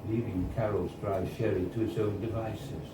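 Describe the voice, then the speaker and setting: Reading a first-person short story aloud at a live bar event, a man uses a measured storytelling style with deliberate pauses. His voice is on the low side and steady in tone, and the roomy, distant recording carries clear background noise and room ambience.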